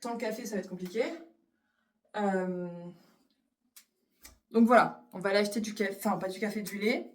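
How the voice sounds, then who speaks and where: A woman's voice: medium pitch, fairly even intonation, normal speed, long pauses, echoey room, distant mic. A 21-year-old woman chatting casually in a vlog, rambling with lots of fillers and slipping English words into her talk. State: tearful after crying. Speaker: vlogger.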